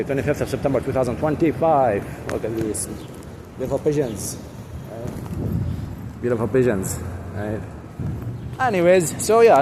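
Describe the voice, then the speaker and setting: A middle-aged man with a slightly high voice, talking into his phone outdoors on a rainy city street. He rambles insistently, circling back to the same points with lots of fillers. Loud traffic noise runs under everything. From Syria. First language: Arabic. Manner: insistent, repetitive, full of fillers. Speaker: vlogger.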